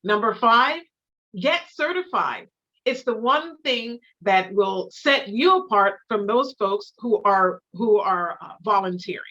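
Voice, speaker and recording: A woman giving an instructional lecture as an etiquette teacher, measured and emphatic, repeating her key phrases. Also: mid-range voice, animated, pushed and bright, lo-fi sound.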